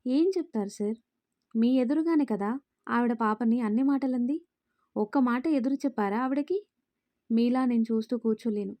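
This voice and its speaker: An earnest, outspoken young woman who pleads and stands firm, from a spoken storybook, read by a woman. The voice is fairly high and mellow, with a dry, close sound. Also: moderate pace, pauses often, no echo, close to an everyday voice. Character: young woman, a firm and caring caretaker of a little girl.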